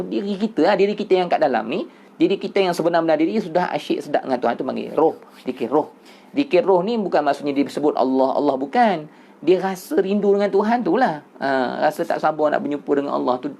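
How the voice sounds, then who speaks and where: A man's voice: fairly high pitch, vocal fry, darkish tone. A man with a Malaysian Malay accent gives a Sufi religious lecture. He explains patiently, repeats phrases for emphasis and keeps turning back to address his listeners. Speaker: religious teacher.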